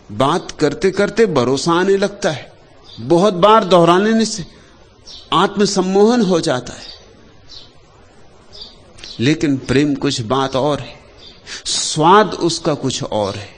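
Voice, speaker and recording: A man with a fairly high voice delivers a spiritual discourse at a very slow, deliberate pace. His pitch swings widely, sinking to hushed low phrases and climbing to loud emphatic ones, with long pauses between short lines. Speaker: spiritual teacher.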